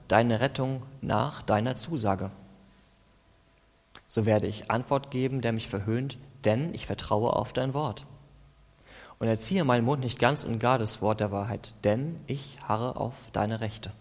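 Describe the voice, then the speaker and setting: A man of middle pitch reads psalm verses as a devotional, calm and deliberate. Between the verses he breaks off to explain in an easy, conversational tone. His voice carries a long reverb, as if recorded in a large hall. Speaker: preacher. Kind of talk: devotional Bible reading and commentary.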